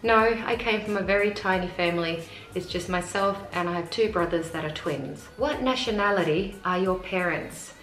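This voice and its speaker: A woman's voice: on the low side, moderate pace, a bit bright. A woman, reading viewer questions aloud in a casual vlog and answering each one plainly. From Australia. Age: 40s. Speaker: family vlogger. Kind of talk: casual Q&A to camera. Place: family home with children nearby. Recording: echoey room, faint music behind.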